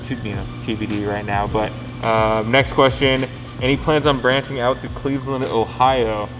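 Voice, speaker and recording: A man's voice: mid-range voice, normal speed. A man co-hosting a casual question-and-answer session, explaining things in an informal way. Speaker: company co-host. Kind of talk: casual Q&A talk. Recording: steady music behind the voice.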